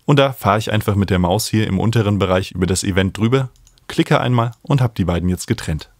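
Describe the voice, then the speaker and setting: Here the host, a music production tutor in his thirties, talks through instructions step by step with a fairly low pitch and quick delivery. The dry recording comes from a close studio microphone on a stand in his small home studio room indoors.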